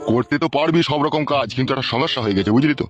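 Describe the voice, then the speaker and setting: A man's voice: medium pitch, very fast, muffled recording, faint music behind, natural voice. A man voicing a scheming, corrupt middle-aged politician in a cartoon, bossy and lecturing.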